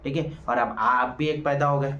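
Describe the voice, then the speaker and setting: A man's voice: medium pitch, steady tone, moderate pace, sharp tone, muffled recording, slight background noise. A man giving a casual spoken review of a reality show episode. He talks animatedly, asks rhetorical questions, keeps saying "ठीक है", and raises his voice to act out quoted lines.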